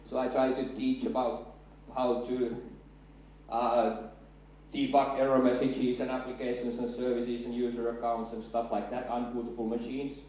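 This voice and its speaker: Speaking from a large hall's stage into a handheld mic, a Finnish man in his thirties with a native Finnish accent gives a chatty conference talk full of self-deprecation. His mid-range, darkish voice has a flat delivery and moderate pace. The echoey recording, made far from the mic, carries a little hiss or hum.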